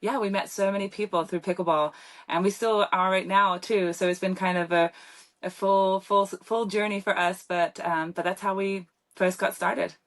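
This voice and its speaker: A young woman from Germany with a British accent chats as a guest in a casual interview, where she's presented as a professional pickleball player. Her mid-range voice is steady in tone, a bit bright, and moderately paced, with many fillers and restarts.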